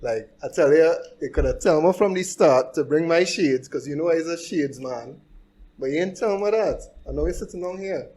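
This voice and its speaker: A man's voice: on the high side, moderate pace, dark tone. A man with a Trinidadian accent, a guest on a podcast, chatting in a laid-back, joking way full of slang. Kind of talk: casual podcast chat.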